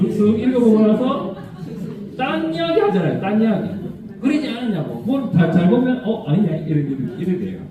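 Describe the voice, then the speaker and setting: Man, priest, homily, conversational storytelling, lively intonation, distant mic, heavy church echo, tinny phone-like sound. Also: high voice, noisy background. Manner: conversational, animated storytelling with laughs and acted quotes. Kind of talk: homily at Mass.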